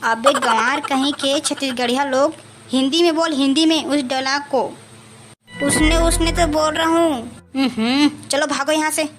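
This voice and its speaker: A woman's voice: sits high, fairly even intonation, measured pace, music in the background. A woman with a Chhattisgarhi accent playing a bossy, short-tempered male city cameraman in a village comedy skit. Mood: scolding. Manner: scolding, impatient, mixes Hindi with village speech.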